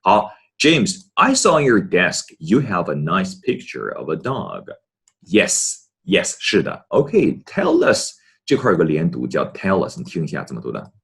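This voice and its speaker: A man with a very low, husky voice teaches English. His pitch moves a lot as he talks to his students. He slows down to repeat phrases clearly. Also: sing-song, a bit bright. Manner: repeats phrases slowly, addresses students often. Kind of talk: online English lesson.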